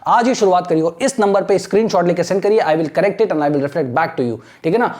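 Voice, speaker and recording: Man teaching slowly with a chatty tilt. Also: high voice, darkish tone. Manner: repeats 'thik hai na', slows right down to spell out English words; urging, motivational. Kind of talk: casual spoken lesson.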